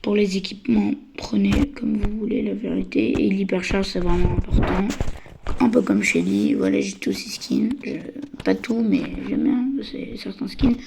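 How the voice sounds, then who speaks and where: A woman who is a little sick and tired, giving casual game tips in a hesitant, stammering way with a slightly croaky voice. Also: mid-range voice, lively intonation, normal speed, warm tone, slight background noise. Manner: hesitant, stammering, many fillers. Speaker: gaming channel host.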